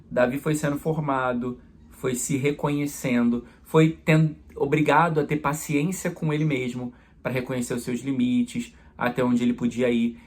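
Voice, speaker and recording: A priest delivers a homily in a relaxed, conversational way, illustrating his points with everyday examples. His voice is slightly husky and breathy, set at an ordinary male pitch.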